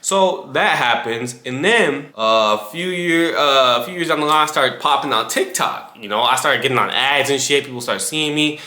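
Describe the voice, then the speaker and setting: A man's voice: medium pitch, moderate pace, few pauses, sharp tone. A man in his twenties giving casual advice straight to the viewer, full of slang and asides. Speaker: fitness creator. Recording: echoey room.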